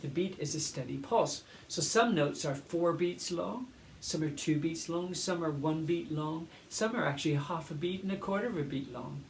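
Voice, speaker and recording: A man teaching a primary school music lesson, explaining clearly and patiently and chanting rhythms aloud. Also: fairly high pitch. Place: classroom. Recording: echoey room, mic at a distance, faint noise.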